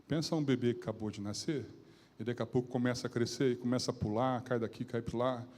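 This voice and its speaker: A man preaching a sermon, retelling Bible scenes in a casual modern way and swinging from quiet talk to loud peaks. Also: medium pitch, steady tone, fast. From Brazil. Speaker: pastor. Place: church sanctuary. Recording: long reverb of a church hall.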